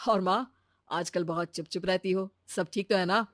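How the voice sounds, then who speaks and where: A woman voicing a caring adult son in an animated moral story, calm, reassuring and gently reasoning. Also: lowish voice, normal speed, no echo, studio quality, lightly acted. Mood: concerned.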